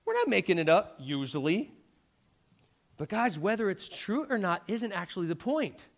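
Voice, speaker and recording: A man's voice: high voice, big pitch swings, normal speed, creaky. A middle-aged man preaching a sermon in a conversational way, often checking in with "right?". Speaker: pastor.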